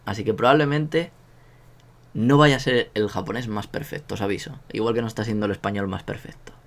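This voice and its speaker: A man's voice: on the low side, fairly quick. Joking Spanish man teaching sounds. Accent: Spain Spanish. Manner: joking, self-mocking, drills sounds aloud. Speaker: language teacher. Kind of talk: casual online lesson.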